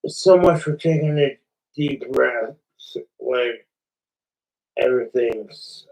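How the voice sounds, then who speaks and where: A man's voice: mid-range voice, slow, gravelly, darkish tone. A man hosting a late-night livestream, rambling and swearing while he fights the hiccups. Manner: rambling and profane. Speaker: livestream host. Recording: distant, muffled lo-fi stream audio.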